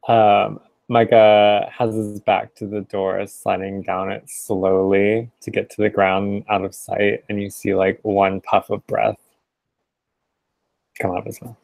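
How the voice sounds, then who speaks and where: Gravelly flat-voiced male player. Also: lowish voice, a little slow, dry recording. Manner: cinematic descriptive narration. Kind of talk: tabletop game play.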